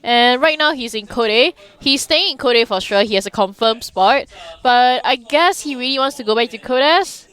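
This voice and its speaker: Smooth-voiced female esports co-caster. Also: a little high, moderate pace. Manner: animated, curious, chatty analysis. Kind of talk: casual esports commentary.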